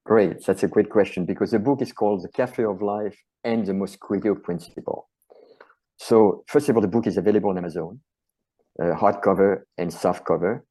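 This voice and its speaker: A middle-aged chiropractor and author with a French accent answers interview questions earnestly and passionately, often piling phrases into lists. His voice is mellow and on the low side, at a normal speed.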